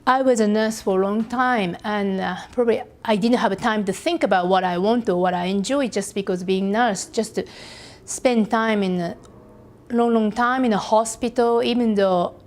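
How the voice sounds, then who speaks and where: A middle-aged Japanese woman with a Japanese accent appears as an artist guest in a podcast interview, speaking English as her second language. At a medium pitch, she talks haltingly and pauses often while looking for the right words.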